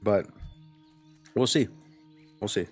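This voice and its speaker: Sleepy male streamer, very low voice, rambling laid-back chat, faint music behind. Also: slow. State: sleepy, yawning. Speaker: game streamer. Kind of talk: casual live-stream chat while playing.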